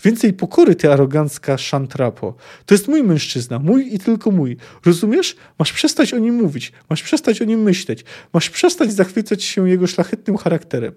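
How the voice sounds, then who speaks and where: A man reading aloud and voicing a proud, possessive sorceress who speaks in a sharp, commanding, scornful way. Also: fairly high pitch, animated, normal speed. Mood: furious. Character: proud furious female sorceress, possessive and cutting.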